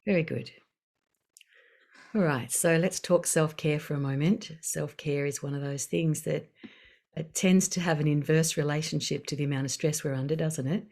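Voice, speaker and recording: Middle-aged woman, low voice, calm unhurried facilitator of a wellbeing session. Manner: calm, unhurried, gently guiding with pauses. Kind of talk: guided self-care talk.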